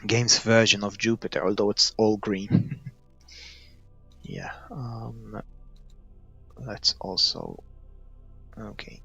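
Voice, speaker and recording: A man with a Maltese accent talks through his gameplay without a script, trailing off and searching for words. His voice has a creaky, gravelly edge. The recording is dull and muffled, with light music behind him. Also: little pitch movement, takes it slowly, long pauses, fairly bright tone. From Malta. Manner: hesitant, thinking aloud, trailing off. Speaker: gaming video creator. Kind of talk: unscripted gameplay commentary. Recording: muffled, dull low-fidelity audio.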